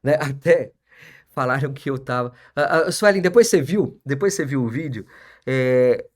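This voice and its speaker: A man's voice: medium pitch, animated, moderate pace. A man, hosting a live stream as an auctioneer and lawyer, repeating his phrases for emphasis and chatting with viewers.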